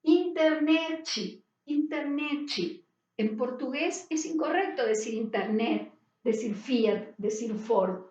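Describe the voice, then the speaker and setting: A woman's voice: a little high, animated, unhurried, hardly any pauses, a little mellow. Lady teacher lecturing, keeps asking "right?", kinda far from the mic, echoey room. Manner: explanatory, checks in with frequent "¿sí?". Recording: roomy, distant, dull sound.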